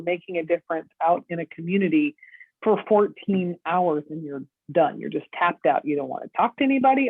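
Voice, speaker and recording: A woman's voice: on the low side, no room sound. A middle-aged woman, a podcast guest, telling her story and acting out the dialogue as she goes. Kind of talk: storytelling interview. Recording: tinny dry phone-line audio.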